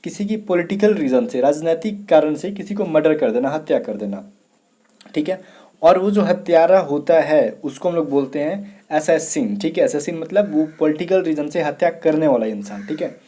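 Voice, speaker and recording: Indian guy teaching spelling for exams, kinda high soft mellow voice, keeps saying theek hai and spells stuff out slow. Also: animated. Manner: repeats "theek hai" often, spells letters out slowly. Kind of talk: exam prep lesson.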